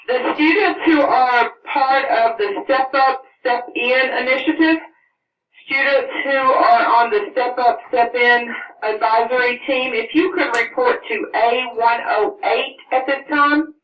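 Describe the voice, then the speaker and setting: Woman on a school intercom, high-pitched, muffled and echoey from afar, faint hiss, polite announcement. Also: steady tone, unhurried, distant mic. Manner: polite, repeats the room number. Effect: school intercom loudspeaker. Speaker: school staff making an announcement.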